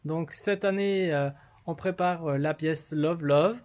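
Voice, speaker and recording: A man filming a casual vlog about rehearsing a play, speaking in a relaxed, hesitant way. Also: a little high, takes it slowly. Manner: relaxed, hesitant, full of fillers. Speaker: vlogger and amateur actor.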